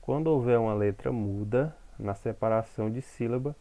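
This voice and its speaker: A man's voice: mid-range voice, normal speed, warm tone. A man teaching a grammar lesson, explaining step by step and checking in with the class.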